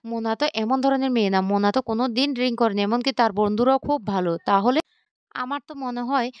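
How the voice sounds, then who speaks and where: A woman's voice: on the high side, fast talker, clean tone, no echo, highs cut off, lightly acted. Woman doing a conniving young schemer. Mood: sly.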